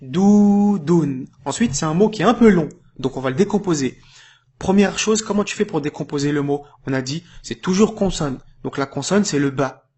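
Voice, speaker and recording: Relaxed man teaching, sounding out syllables. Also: fairly high pitch, breathy edge. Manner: patient, informal, chuckles and checks in with "d'accord?"; stretches out syllables slowly when modelling sounds. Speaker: Arabic reading teacher. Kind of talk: casual tutorial addressed to the viewer.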